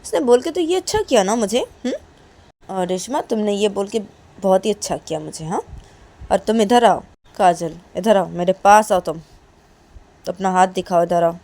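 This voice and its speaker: A woman voicing a strict, angry mother who loudly orders her daughter to come to her. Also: mid-range voice, moderate pace, vocal fry, pauses often. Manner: loud demanding commands.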